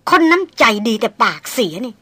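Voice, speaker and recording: Proud young noblewoman, read by a woman: bright, tense, scolding tone, dry close audiobook sound. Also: fairly quick, no room sound, natural voice. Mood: indignant scolding. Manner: scolding, indignant. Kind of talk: audiobook character voice.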